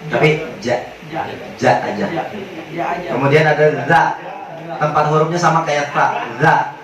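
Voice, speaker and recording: A man teaching Quran recitation rules in casual slang, joking with his class and chanting drawn-out examples. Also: a little high, fairly even intonation, crowd noise. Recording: very echoey hall, mic at a distance.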